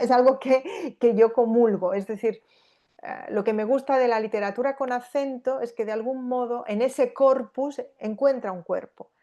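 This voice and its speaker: A woman's voice: on the high side, dark tone. A woman scholar giving an academic lecture, thinking aloud with fillers and restarts and often checking in with the audience. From Spain. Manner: thoughtful, with many fillers and restarts, asking "¿no?". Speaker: literature scholar giving a talk.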